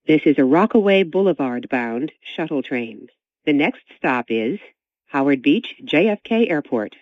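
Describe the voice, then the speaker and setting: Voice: medium pitch, expressive, dry recording. Subway speaker announcement after a chime, thin phone-like sound, bouncy intonation. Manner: measured, evenly paced announcing. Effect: onboard train loudspeaker announcement after a chime. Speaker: train announcer. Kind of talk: recorded transit announcements. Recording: tinny, dry speaker sound.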